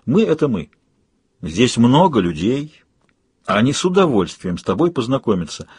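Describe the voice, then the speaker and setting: Man doing a calm soothing doctor. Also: medium pitch, normal speed, breathy edge, no echo, clean studio sound. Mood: gentle. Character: calm, kindly male doctor. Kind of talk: audiobook reading.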